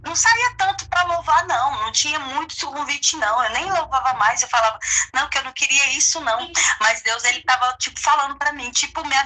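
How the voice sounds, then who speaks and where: A woman's voice: sits high, sharp tone. A woman gospel singer giving a casual testimony in an interview, chatty and laughing, with lots of fillers. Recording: tinny phone-line audio.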